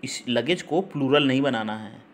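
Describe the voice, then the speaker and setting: A man of ordinary pitch teaches English grammar in a Hindi-language class. He keeps checking in with listeners and spells words out letter by letter. A faint background noise sits under the voice. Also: moderate pace, a bit bright. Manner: repetitive, checks in with listeners (ठीक? हम्म?). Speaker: English teacher for exam prep.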